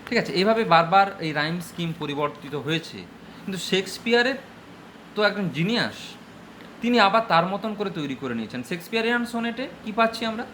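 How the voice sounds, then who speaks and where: A middle-aged man with a Bengali accent lecturing as a high school English teacher, slow and deliberate in English, quicker in Bengali. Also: expressive, fairly bright tone, a little hiss or hum. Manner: switches between slow deliberate English and rapid explanatory Bengali. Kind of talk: classroom lecture.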